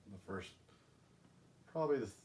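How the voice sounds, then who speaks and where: A middle-aged man casually talking through his graded comic collection in slow, measured explanations with some filler words. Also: on the low side, expressive, darkish tone, a little hiss or hum. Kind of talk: casual chat.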